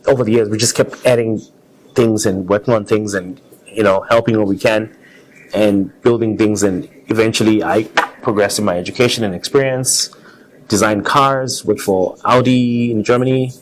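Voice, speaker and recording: Heard through a low-quality recording, this Zimbabwean man speaks at normal speed in a low, steady voice. As an interview guest who designs cars, he shares personal stories earnestly and conversationally, quick to let out a chuckle.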